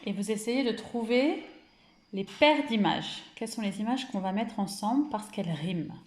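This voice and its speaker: A woman's voice: medium pitch, animated, moderate pace, roomy sound, slight background noise. A woman teaching young children remotely, stretching out words and syllables and praising often, with a French accent. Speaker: kindergarten teacher.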